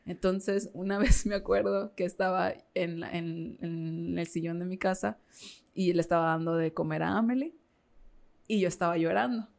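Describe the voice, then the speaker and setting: Woman guest, gravelly voice, candid storytelling, lots of fillers. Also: lowish voice, fairly even intonation, normal speed, a little mellow. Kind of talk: casual interview chat.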